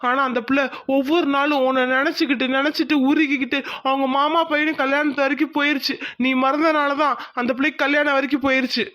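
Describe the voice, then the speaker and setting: A woman's voice: sits high, flat delivery, quick pace, hardly any pauses, a bit bright. A woman voicing an earnest young village man who pleads with his friend in a cartoon. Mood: urging. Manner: pleading, insistent storytelling.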